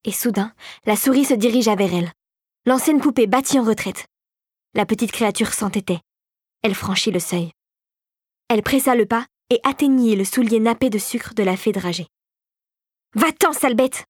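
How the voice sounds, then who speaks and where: Woman narrating a dark fairy tale. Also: a little high, moderate pace, breathy edge, dry recording, clean studio sound. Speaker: audiobook narrator. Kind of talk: scripted narration.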